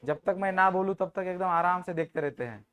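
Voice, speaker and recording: A man's voice: sits high, brisk, fairly bright tone. A man teaching an English grammar class in Hindi, joking with students and often checking if they understood. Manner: jokes with the class, informal and teasing.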